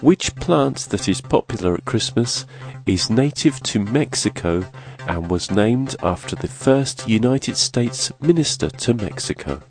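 A man's voice: lowish voice, expressive, unhurried, darkish tone, faint music behind. A man with a congested, nasal voice from a cold, hosting a quiz podcast in an orderly, scripted way. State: has a cold, sniffly.

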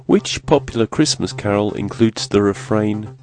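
A man's voice: on the low side, moderate pace, soft background music. A man with a congested, nasal voice from a cold, hosting a quiz podcast in an orderly, scripted way. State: has a cold, sniffly.

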